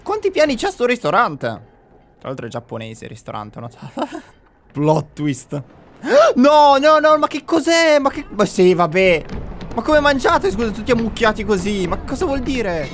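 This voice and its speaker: A young man giving jokey, excitable let's play commentary on a horror game, talking to viewers and breaking into panicked yells. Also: high-pitched, normal speed. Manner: addresses viewers directly. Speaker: gamer playing a horror game.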